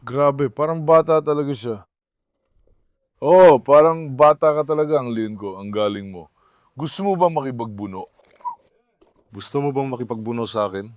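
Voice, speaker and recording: A man's voice: medium pitch, normal speed, pauses often, a little mellow, no room sound. A man vlogging about his pets, talking casually to the camera and coaxing his dogs. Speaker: pet vlogger. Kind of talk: casual vlog narration to the camera.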